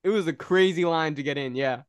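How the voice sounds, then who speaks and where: A young man co-hosting a podcast in casual chat, telling stories in an animated way and laughing often. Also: a little high, a little fast, crowd noise. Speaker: podcast co-host.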